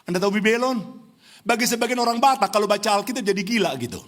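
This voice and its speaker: A middle-aged man from Indonesia preaching a lively sermon in a church, teasing the congregation and rising to near-shouts. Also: sits high, fast talker. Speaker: pastor. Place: church hall.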